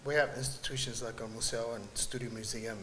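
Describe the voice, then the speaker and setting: A middle-aged man speaking on an art panel, reflective and halting with many pauses, gesturing as he talks into a table mic. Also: medium pitch, fairly even intonation, a bit bright. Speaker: panelist artist. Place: large gallery room with audience. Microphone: table mic on stand. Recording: echoey gallery room, faint noise.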